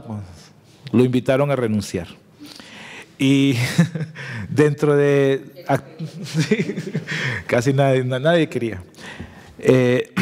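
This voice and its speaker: A man, presenting a lecturer to an audience in a formal, measured way with frequent fillers, speaking into a table mic. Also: mid-range voice, dark tone, big-room sound. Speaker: event presenter introducing the speaker. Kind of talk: reading a formal introduction. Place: small gallery room with audience. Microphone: table mic on stand.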